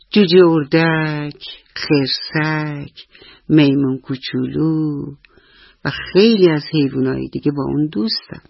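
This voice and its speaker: A woman storyteller voicing a lonely little boy squirrel in a radio story, in a husky, plaintive way. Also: sits low, dry recording, muffled recording.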